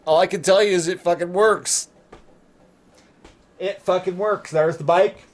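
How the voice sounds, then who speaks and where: A man's voice: high voice, fairly even intonation, a little slow, slight background noise. Exasperated, foul-mouthed man ranting. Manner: exasperated, heavily profane, swings between loud outbursts and muttering. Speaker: bike-building vlogger. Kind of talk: casual vlog rant.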